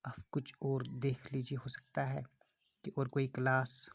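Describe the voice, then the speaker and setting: Middle-aged male teacher, husky voice, recorded lesson, patient and unhurried. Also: mid-range voice, monotone, a bit bright, no room sound. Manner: slow, patient explaining with frequent fillers, addressing children. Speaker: school English teacher. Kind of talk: recorded classroom lesson in Hindi and English.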